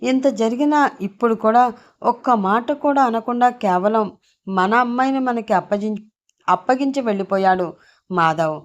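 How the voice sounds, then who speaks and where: A woman voicing a calm old grandfather giving gentle advice, in a storybook reading. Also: on the high side, normal speed, lo-fi sound, voice pushed up, lightly acted.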